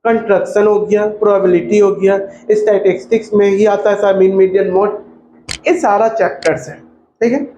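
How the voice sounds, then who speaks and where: Man, teacher addressing a class, joking and lively, high-pitched, roomy echo. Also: normal speed, lo-fi sound. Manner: joking, lively, mimics students. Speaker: coaching teacher. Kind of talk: classroom talk to students. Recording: echoey classroom with faint noise.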